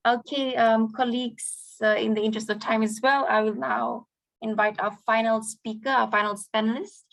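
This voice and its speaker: A woman moderating a panel on an online call in a polite, measured, semi-formal way, summing up points. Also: a little high, steady tone, vocal fry, rough recording.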